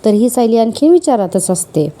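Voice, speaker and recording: A woman's voice: a little high, moderate pace. Woman retelling a serial episode. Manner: lively storytelling with frequent fillers. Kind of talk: spoken recap of a television serial episode.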